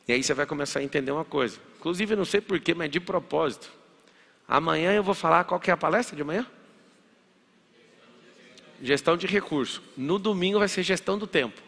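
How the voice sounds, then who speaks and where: A man's voice: high voice, creaky, a bit bright. A man with a Brazilian Portuguese accent giving a punchy motivational lecture, firing rhetorical questions. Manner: punchy, acts out dialogues, fires rhetorical questions. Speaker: motivational speaker. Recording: echoey hall with long reverb.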